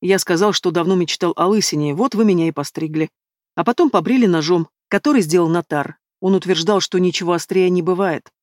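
A man's voice: high-pitched, a little fast, a little mellow, no room sound, lightly acted. A woman voicing a young man in an audiobook, a teasing and easygoing best friend, recorded dry and close. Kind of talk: audiobook character dialogue.

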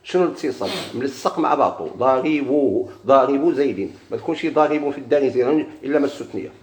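Fast-talking Moroccan man teaching grammar. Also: mid-range voice, expressive. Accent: Moroccan Arabic. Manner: questions students, then answers himself. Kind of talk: classroom lesson explaining grammar. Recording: echoey room.

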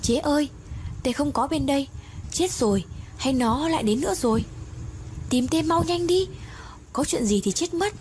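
A woman's voice: a little high, moderate pace, warm tone, lightly acted. A woman voicing a loyal younger woman friend, blunt but caring, in an audio story. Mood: panicked. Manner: urgent, comforting. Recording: noisy audiobook recording.

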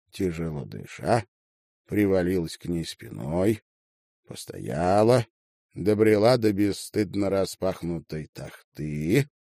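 Slow, deliberate male audiobook narrator. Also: low-pitched, creaky, mellow, dry recording, clean studio sound. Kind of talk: audiobook reading.

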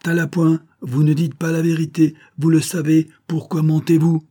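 Man doing a frightened elephant driver, trembling, defiant, high strained voice. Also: monotone, normal speed, mellow, breathy edge. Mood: defiant pleading. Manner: trembling, pleading.

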